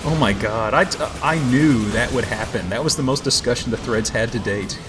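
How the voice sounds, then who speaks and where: With video game music playing behind him, a man hosts a let's play, offering casual, joking commentary while playing the game. His voice is mid-range and his pace moderate.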